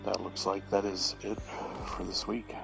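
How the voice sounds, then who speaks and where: A man's voice: deep voice, level tone, unhurried, gravelly, low-quality recording. A man giving casual playthrough commentary as host of a gaming video, reacting and reading along. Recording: game music behind the voice.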